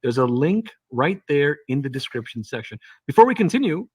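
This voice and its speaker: Hosting a call-in livestream, a man argues casually, repeating words and saying "man" a lot. His voice is on the high side, sing-song and fairly quick with a breathy edge, in a dry recording.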